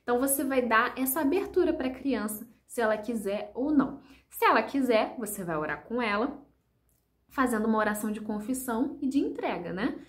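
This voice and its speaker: A woman's voice: fairly high pitch, animated, fairly quick. A woman explaining step by step how to lead children's ministry, talking directly to viewers in a patient, encouraging way with many fillers. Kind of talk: instructional video talk.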